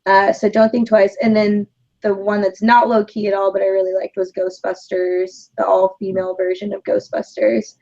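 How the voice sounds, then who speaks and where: A woman's voice: medium pitch, flat delivery, normal speed, dark tone, muffled recording. A woman co-hosting a casual podcast, chatty and upbeat, laughing often as she talks. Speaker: podcast co-host. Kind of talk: casual chat.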